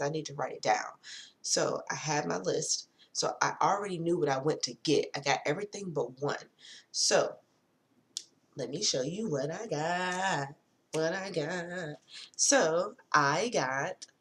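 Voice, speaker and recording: A woman's voice: deep voice, a bit bright. A woman vlogging to her viewers in a chatty, casual way, swearing freely and calling them y'all. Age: adult with a daughter. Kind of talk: casual chat to camera.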